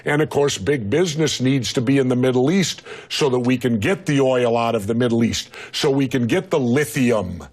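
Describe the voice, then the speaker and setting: A man's voice: medium pitch, moderate pace, few pauses, a little mellow. A man speaking as a guest in a heated interview, blunt and argumentative, pushing back and talking over the host.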